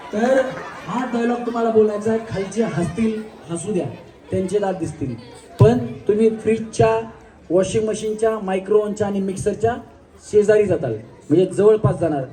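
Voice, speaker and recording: High-pitched male emcee who banters and bosses players around, recorded from afar over a crowd. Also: dark tone. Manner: joking, coaxing crowd instructions. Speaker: game show host. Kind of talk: live stage game hosting. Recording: distant mic with crowd behind.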